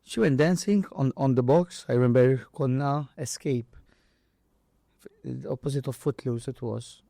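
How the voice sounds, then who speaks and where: A boxer and boxing trainer from Malta, here as an interview guest, spins casual, animated stories, acting out the dialogue and impacts. His voice is medium-pitched, dark, a little slow, with vocal fry; his non-native, broken English mixes in Maltese, and the very dry recording has no echo.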